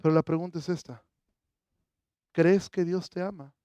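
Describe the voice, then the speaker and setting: A male pastor preaching an impassioned sermon, moving from loud proclamation to soft, intimate appeals. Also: high voice, fairly even intonation, moderate pace, clean tone, no room sound. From Mexico.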